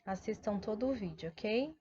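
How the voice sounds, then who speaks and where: A woman teaching a primary school video lesson, patiently addressing children and sounding out words slowly, syllable by syllable. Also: medium pitch, animated, dark tone, lo-fi sound, slight background noise. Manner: slow, deliberate syllable-by-syllable enunciation.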